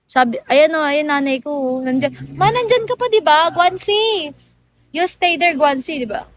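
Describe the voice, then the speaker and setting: A woman's voice: high voice, measured pace. A woman from the Philippines hosting a casual phone livestream, chatting playfully with viewers, teasing and laughing often and slipping into English. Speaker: livestream host.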